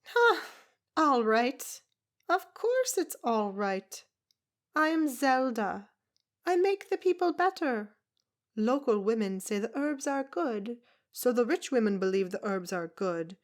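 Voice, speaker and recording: A woman voices a tiny, brusque foreign herbalist who speaks clipped, broken English with an unplaced foreign accent. Her voice is high and pushed up, very animated but slow, with a gruff, pushy mood.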